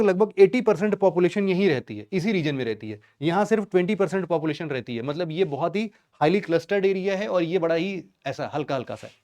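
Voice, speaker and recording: A man's voice: high-pitched, a little mellow. A man teaching a geography lesson in Hindi, casually quizzing his students with rhetorical questions and jokes. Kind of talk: online exam-prep lecture.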